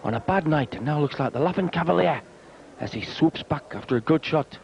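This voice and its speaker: A man's voice: on the high side, expressive, a little fast, gravelly. A man giving live darts commentary in a colourful, wry way. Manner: colourful, wry turns of phrase. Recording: dull, noisy archive TV broadcast.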